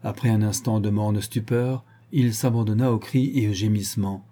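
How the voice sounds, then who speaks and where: A man reading a nineteenth-century travel account aloud as an audiobook, in measured storytelling narration. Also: on the low side, fairly even intonation, mellow. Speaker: audiobook reader. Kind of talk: scripted narration.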